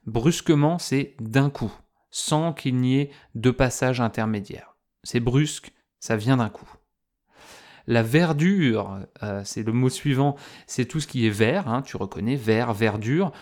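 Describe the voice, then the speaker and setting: A man teaching French vocabulary to learners, slowly and patiently explaining words with lots of repetition and speaking informally to the listener. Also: mid-range voice, a little mellow. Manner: addresses listener informally, fillers.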